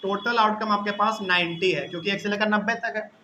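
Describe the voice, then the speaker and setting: A man with a notably high voice teaches math, walking through every step and asking questions he answers himself. He's brisk and forceful with a bright tone and fairly even intonation. The lo-fi recording carries a faint hiss beneath him.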